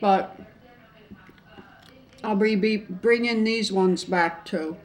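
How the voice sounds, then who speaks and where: A middle-aged woman chatting casually to viewers on an eating show, chewing while talking, in a halting way with pauses. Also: mid-range voice. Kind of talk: casual mukbang chat to viewers.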